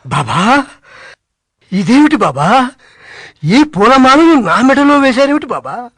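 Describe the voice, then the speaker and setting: Eager devoted disciple, high voice. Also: male voice, sing-song, fairly bright tone, no room sound, full character voice. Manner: obliging, quick to agree. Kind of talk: devotional drama dialogue.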